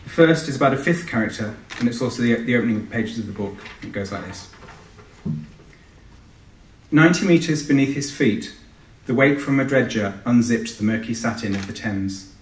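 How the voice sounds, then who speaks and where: A British man, an author, gives a live literary reading at an event in a hall. His mid-range voice moves at normal speed. The hall is echoey and the microphone is distant.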